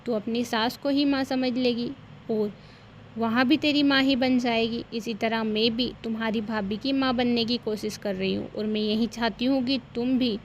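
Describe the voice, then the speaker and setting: A woman voicing a kind, patient middle-aged mother-in-law who advises gently in a cartoon story. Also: fairly high pitch, fairly even intonation, normal speed, muffled recording, a little hiss or hum, natural voice. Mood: advising.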